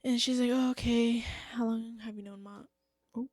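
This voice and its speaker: A woman's voice: a little high, normal speed, no room sound, studio quality. A woman in her twenties, a podcast guest telling a story in casual chat, acting out the quotes and saying "like" a lot. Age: 20s. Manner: animated, acts out quotes, heavy use of "like".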